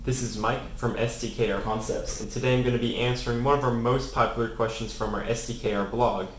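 Young male company presenter, mid-pitched, evenly read script, very roomy echo, light hiss. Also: brisk. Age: young adult. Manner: even, read-from-script delivery. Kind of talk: scripted product explainer. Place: office room with desk. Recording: very echoey room, faint hiss.

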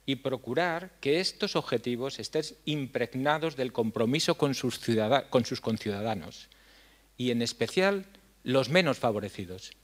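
Older man speaking earnestly, halting. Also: mid-range voice. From La Mancha, Spain. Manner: earnest, halting with frequent fillers. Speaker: foundation head giving a talk. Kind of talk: conference speech. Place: dark stage in a hall. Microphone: stand mic at a lectern.

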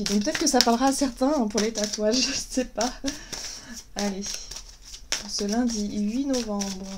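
A woman giving a casual spiritual guidance talk as a tarot and oracle reader, hesitant, full of fillers and restarts, gentle and encouraging. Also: a little high.

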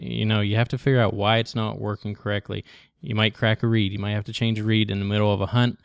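Man, creaky yet resonant, casual instructional talk, practical, matter-of-fact, podcast co-host. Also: lowish voice, no room sound, clean studio sound. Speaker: co-host of a hunting tips podcast.

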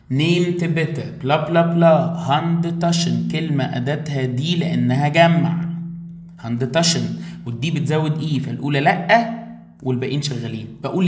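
A man with an Egyptian Arabic accent, teaching German in a jokey, lively exam review lecture. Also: mid-range voice, distant mic. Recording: echoey room, voice a bit off-mic.

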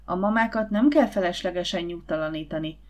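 Woman narrator doing schoolboy ringleader, eager, persuasive, storybook, lowish voice. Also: close to an everyday voice. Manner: lively, confident, persuasive. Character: eager, scheming schoolboy leading his friends.

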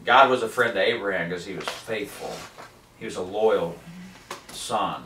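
A man's voice: low-pitched, normal speed, sharp tone, slight background noise. A man in his forties preaching a fervent sermon in a living room, reading from scripture, filmed by a camera across the room. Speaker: street preacher. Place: living room with wood paneling. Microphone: far camera. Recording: roomy sound from a distant camera.

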